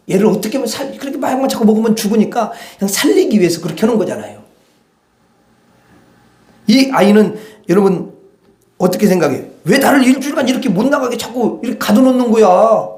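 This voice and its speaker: A high-pitched male pastor preaches with animated, conversational energy and throws rhetorical questions to the congregation. His voice rings through a roomy church sanctuary. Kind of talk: sermon.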